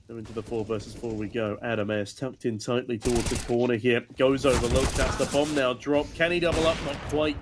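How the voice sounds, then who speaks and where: A man's voice: mid-range voice, steady tone, brisk, few pauses. A man working as an esports caster, giving play-by-play commentary on a shooter match. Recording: gunfire and game noise behind. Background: video game gunshots and clicks.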